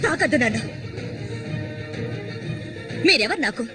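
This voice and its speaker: An actress playing a defiant young widow who argues coldly and bitterly, heard on a film soundtrack. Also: female voice, high voice, lively intonation, unhurried, music in the background. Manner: cold, defiant, argumentative. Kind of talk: film melodrama acting.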